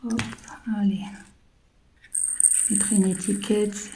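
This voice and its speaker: A woman's voice: mid-range voice, level tone, slow, creaky, dark tone, a little hiss or hum, rough recording. A woman in her fifties chatting casually to viewers while she works on a craft project, rambling with many fillers and muttering to herself. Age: 50s. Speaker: craft vlogger.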